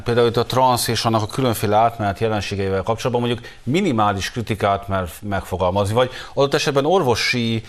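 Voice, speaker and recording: A man debating as a journalist guest on a political talk show, arguing at length with frequent fillers. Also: lowish voice. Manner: argumentative, hesitant with fillers.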